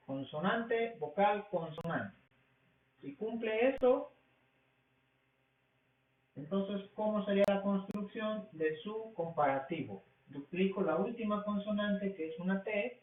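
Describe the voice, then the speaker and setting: A man teaching a language class, explaining rules slowly and asking questions that he answers himself. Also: high voice, expressive, slight background noise. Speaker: English teacher. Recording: tinny, echoey, from far off the mic.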